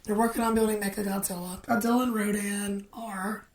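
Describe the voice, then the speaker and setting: A woman's voice: medium pitch, level tone, a little fast, a little mellow, far from the mic, poor audio. A woman co-hosting a podcast, casually recapping a movie plot with playful asides. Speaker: podcast co-host. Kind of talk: casual chat.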